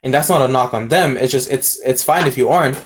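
Male discussion guest, Aruban accent, mid-pitched. Casual, reflective, reasons aloud with repeated sentence starts. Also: a little fast.

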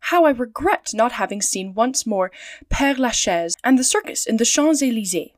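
A woman voicing an excitable, talkative male French manservant who exclaims often, his pitch jumping up. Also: normal speed, dry recording, studio quality, lightly acted. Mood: chatty.

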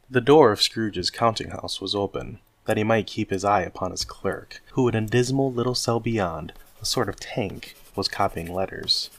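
Man, narrator, low voice, measured, expressive storytelling. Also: no echo. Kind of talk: scripted narration.

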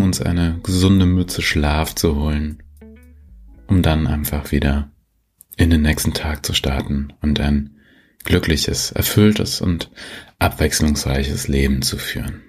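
A man guiding a sleep meditation like a sleep story narrator, soothing and gentle, leaving long pauses, in a soft, husky voice. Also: a bass voice. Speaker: meditation guide, host.

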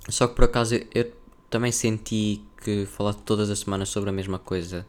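A young man speaks European Portuguese-accented speech in a lowish voice with very little melodic movement. He hosts a casual solo podcast, thinking aloud in a rambling, slang-filled way. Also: fairly even intonation, brisk, darkish tone. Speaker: podcast host.

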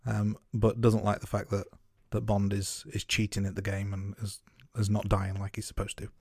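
Lowish-voiced man, dry close sound. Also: monotone, darkish tone, husky, no echo. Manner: measured, note-by-note commentary. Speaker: podcast co-host. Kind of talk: casual film review chat.

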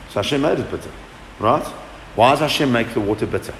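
A man's voice: mid-range voice, lively intonation, fast talker, fairly bright tone, a little hiss or hum. A man teaching a Torah class to a group, asking questions and answering them with emphasis. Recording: echoey room with long reverb.

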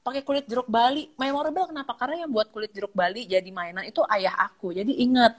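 A woman speaking as a child psychologist in a casual chat, animated, acting out parents' lines with lively intonation and mixing in English words. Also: on the high side, fast talker. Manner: mixes English words into speech. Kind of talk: casual live-stream chat.

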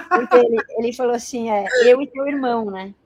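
A woman in her forties from Brazil, telling a personal story as an interview guest in a colloquial, animated way. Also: a little high, husky. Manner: animated, colloquial, acts out quoted voices.

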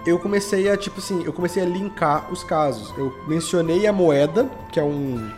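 His voice is on the high side and moves at a moderate pace. He's a podcast guest who creates audio drama podcasts, a man from Belo Horizonte with a Minas Gerais Brazilian accent, chatting casually and telling anecdotes in slang. Background music is present.

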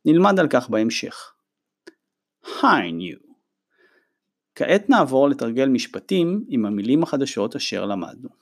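A man teaching a recorded vocabulary lesson. He says each new word slowly, gives its meaning, and says it again. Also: medium pitch, very animated. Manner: reads each word slowly, then translates and repeats it. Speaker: language teacher.

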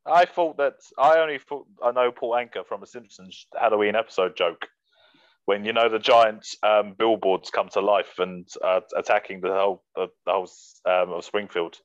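On a casual music podcast where he works through a list, this host laughs a lot and swears offhandedly. He speaks in a lowish, fairly even voice at a moderate pace, captured in a dry, dull, muffled recording.

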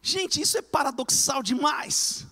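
Fervent high-voiced preacher. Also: male voice, expressive, measured pace, long reverb tail. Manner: fervent, swings between loud and hushed. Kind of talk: sermon.

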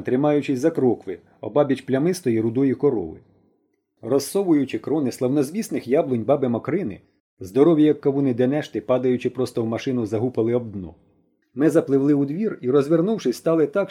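A man reading an audiobook aloud with expressive storytelling. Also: medium pitch, brisk, husky. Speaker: audiobook reader. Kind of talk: audiobook narration.

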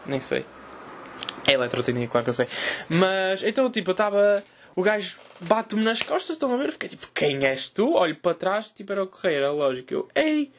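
A young man with a European Portuguese accent telling a crude comic story in a casual, animated way. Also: sits high, quick pace. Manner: animated, crude joking, loud cries in retold scenes. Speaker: host.

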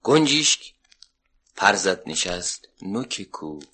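A man narrating a 1970s children's radio story, lively and expressive. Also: on the low side, slightly rough.

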